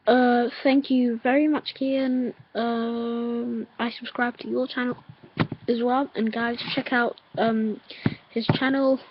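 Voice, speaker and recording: A woman vlogging casually with hiccups, halting and giggly, full of fillers. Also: fairly high pitch, flat delivery, lo-fi sound, slight background noise. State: has hiccups. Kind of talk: casual vlog chat.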